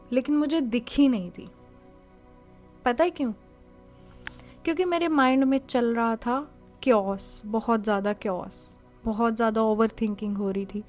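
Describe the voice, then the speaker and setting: Woman, high voice, motivational speaker, chatty, poses questions to the listener, soft music underneath. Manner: conversational, asks the listener rhetorical questions; gives calm step-by-step guidance. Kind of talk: motivational talk.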